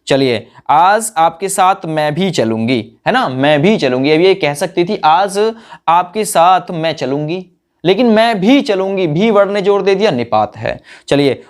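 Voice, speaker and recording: A man teaching a grammar lesson as an online class. He explains patiently, repeats each point, checks in with the listener often, and slows down to list words one by one. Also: on the high side.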